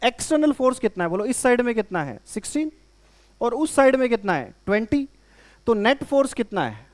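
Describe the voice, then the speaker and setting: A man with a high-pitched voice teaches a classroom physics lesson. He talks in Hindi mixed with English terms and keeps firing questions at his students. He sounds lively and conversational, as he would in front of a live class. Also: a little fast. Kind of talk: classroom lecture.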